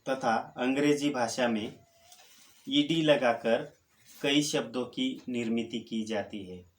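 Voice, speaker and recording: A middle-aged man lectures at a very slow, measured pace, laying out terms one at a time. He pauses often and bridges the gaps with a long "a". Crickets chirp faintly behind him. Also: mid-range voice. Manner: fills pauses with drawn-out "a". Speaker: college lecturer. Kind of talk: online Hindi grammar lecture.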